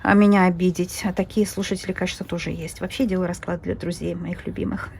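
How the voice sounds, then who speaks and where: This tarot reader has a lowish, darkish voice with vocal fry, and she talks fast in a flat way. Her casual reading monologue rambles and chats along, packed with fillers and restarts, as she speaks to viewers directly, calling them friends and girls. A little hiss or hum sits in the background.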